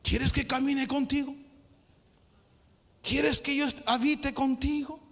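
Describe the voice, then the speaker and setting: A pastor delivers his sermon in a high, bright voice, slow and deliberate. He swings between shouted declarations and hushed asides. The sound rings with long reverb from a large hall. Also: flat delivery.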